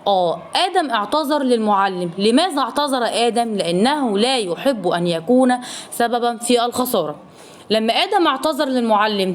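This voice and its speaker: Fast-talking Egyptian woman teacher. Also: on the high side, fairly bright tone, a little hiss or hum. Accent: Egyptian Arabic. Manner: asks questions and answers them herself, repeats key words. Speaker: primary school Arabic teacher. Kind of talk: recorded lesson for young children.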